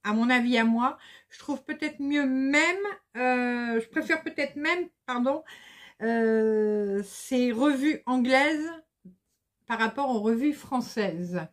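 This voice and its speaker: A woman's voice: fairly high pitch, slow. A middle-aged woman chatting casually to her viewers about embroidery magazines, hesitant and full of fillers. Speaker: embroidery vlogger. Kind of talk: casual chat to camera.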